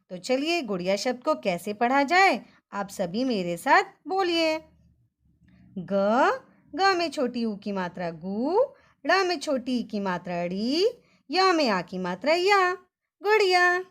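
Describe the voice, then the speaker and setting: A woman teacher with a high, bright voice that leaps up and down as she coaxes young pupils. She breaks each Hindi word into syllables and repeats them slowly. Between words she cheers the class on in an animated, sing-song way. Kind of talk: children's Hindi vocabulary lesson.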